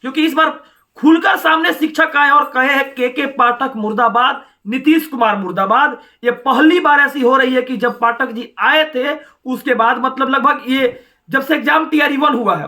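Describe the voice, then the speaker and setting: A man's voice: very high-pitched, moderate pace, pushed and bright. A man giving combative, taunting political commentary, firing questions at officials.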